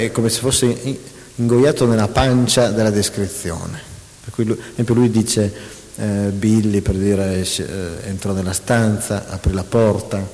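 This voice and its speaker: Writer talking shop on stage, lowish male voice, lively delivery with restarts, long hall reverb. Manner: animated, reads out mock prose passages, many restarts. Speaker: writer talking about his craft. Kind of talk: public talk with an interviewer.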